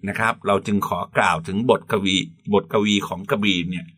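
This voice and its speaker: A man speaking as a guest scholar in a conversational lecture, measured and often checking that his co-host agrees. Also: on the low side, fairly even intonation, fairly bright tone, breathy edge.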